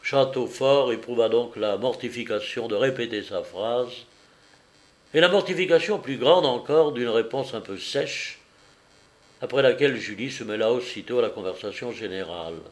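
Male audiobook narrator, measured literary reading. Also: medium pitch.

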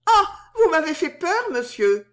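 Lady doing a squeaky coy young maid in a storybook, teasing, voice jumps way up. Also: big pitch swings, slow pace, a bit bright, exaggerated voice. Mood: surprised.

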